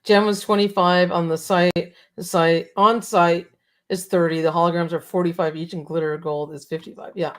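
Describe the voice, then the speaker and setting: A woman co-hosting a casual talk show, chatty and quick to laugh, her voice a little cracked. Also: on the low side, flat delivery. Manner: chatty, laughs often, reads out viewer comments. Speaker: podcast co-host. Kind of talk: casual chat.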